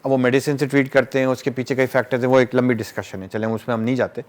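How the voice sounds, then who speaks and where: A man's voice: mid-range voice, little pitch movement, a little mellow. A man, a psychiatrist guest who explains through everyday examples and mixes English terms into his talk.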